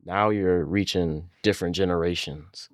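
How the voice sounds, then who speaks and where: A man's voice: deep voice, fairly even intonation, normal speed, no echo, studio quality. A man interviewing in a casual, informal way, affirming what he hears.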